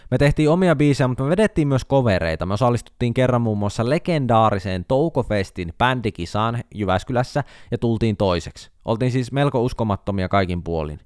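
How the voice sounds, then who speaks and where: Lively, sarcastic young man ranting. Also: lowish voice, clear, resonant tone, dry recording, studio quality. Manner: sarcastic, animated storytelling with acted-out quotes. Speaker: podcast host. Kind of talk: comedic solo podcast monologue.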